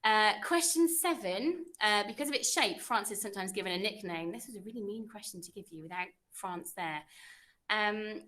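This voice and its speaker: A woman's voice: mid-range voice, moderate pace, fairly bright tone. A young woman, a French teacher, running a classroom quiz with pupils in an encouraging, chatty way.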